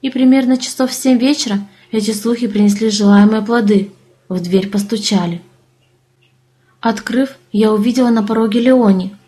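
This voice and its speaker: A woman narrating an audiobook in a measured, even reading. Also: fairly high pitch. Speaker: audiobook reader.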